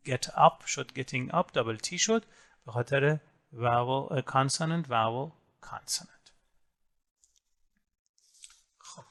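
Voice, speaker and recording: A man teaching an English grammar lesson, explaining rules step by step and saying English example words slowly. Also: medium pitch, fairly bright tone. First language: Persian. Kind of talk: recorded grammar lesson in Persian.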